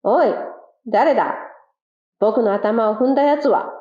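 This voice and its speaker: Hot-tempered little quail guy, yelling and indignant, storybook cartoon voice, put on by a woman. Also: on the high side, wildly swooping pitch, moderate pace, reverberant. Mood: angry. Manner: angry, shouting, indignant. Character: touchy, quarrelsome male quail. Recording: dull lo-fi recording.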